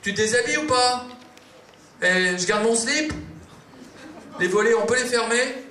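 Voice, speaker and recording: A woman's voice: on the high side, animated, unhurried, a bit bright, roomy sound, recorded from a distance, pitched above the performer's own voice. A man voicing a blunt, nervous woman on a first date, firing off anxious questions in a raised voice. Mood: fretful.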